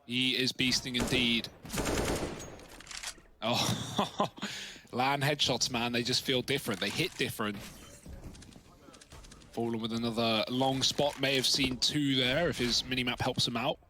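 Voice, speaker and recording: A man giving fast play-by-play commentary on an esports match, getting excited on big plays. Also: medium pitch, a little hiss or hum. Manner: excitable, rising to loud cheers on big plays. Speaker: esports caster.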